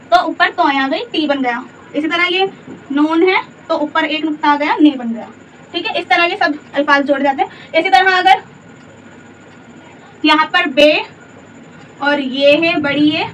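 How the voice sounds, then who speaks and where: A woman's voice: sits high, unhurried, long pauses, a bit bright. A woman teaching letters step by step, patient and repetitive, often asking simple check questions. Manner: patient, repeats letters and asks rhetorical checks. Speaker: Urdu teacher. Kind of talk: slow step-by-step letter lesson. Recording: distant mic, dull lo-fi sound, faint room noise.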